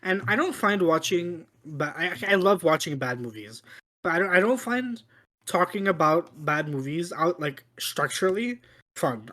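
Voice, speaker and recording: Tipsy, rambling man, slightly high voice. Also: a bit bright. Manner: tipsy, from drinking on the show; rambling, repeats himself, swearing. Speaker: podcast host. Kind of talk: casual movie review banter.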